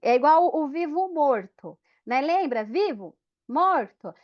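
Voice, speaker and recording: A woman giving a lively teacher training talk, acting out classroom scenes in voices. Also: sits high, slow. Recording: dull lo-fi sound.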